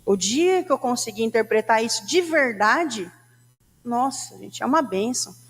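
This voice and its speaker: A woman's voice: on the high side, animated, moderate pace, husky, long reverb tail. A woman from Brazil giving a spiritist talk, chatty and storytelling, often turning to the audience. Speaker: spiritist lecturer. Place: lecture hall of a spiritist center.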